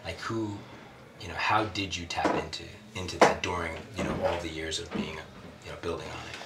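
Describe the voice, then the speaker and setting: A man in casual conversation as an interviewer, halting as he searches for words. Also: low-pitched, fairly even intonation. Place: small sauna. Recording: distant, echoey, noisy room.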